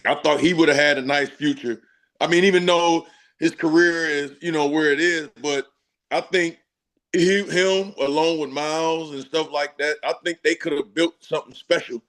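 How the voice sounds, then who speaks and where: A man's voice: fairly high pitch, steady tone, normal speed, a bit bright. Emphatic, slangy man talking football. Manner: emphatic, slangy, laughing asides. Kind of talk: casual sports talk.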